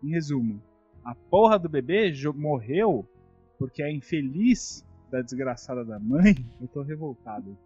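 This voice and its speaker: A man's voice: medium pitch, lively intonation, measured pace, mellow, breathy edge. A man with a Brazilian Portuguese accent hosting a casual chat, telling stories with profanity and indignation. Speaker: podcast host. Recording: dull lo-fi audio, faint music.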